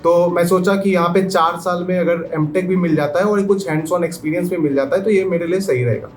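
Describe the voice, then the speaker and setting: A man's voice: sits high, fairly even intonation, normal speed, soft background music. Hesitant young man. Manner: hesitant, many fillers, mixes English into Hindi. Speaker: guest software engineer. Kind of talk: interview answers.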